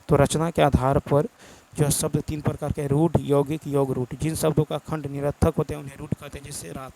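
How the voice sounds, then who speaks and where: A man from India running an exam-prep lesson, working through the answers one by one. His voice is gravelly and mellow and sits a little high, and his delivery is brisk, with long lists of examples. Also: rough recording. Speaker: teacher.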